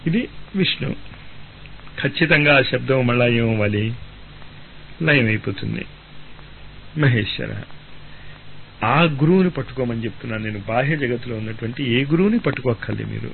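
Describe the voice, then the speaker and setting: Male spiritual teacher giving a discourse, mid-pitched, stretches syllables and poses questions to listeners; narrow radio sound. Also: expressive, creaky. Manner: slow, drawn-out syllable-by-syllable chanting of sounds; asks rhetorical questions and answers them. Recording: tinny phone-like radio broadcast with faint noise.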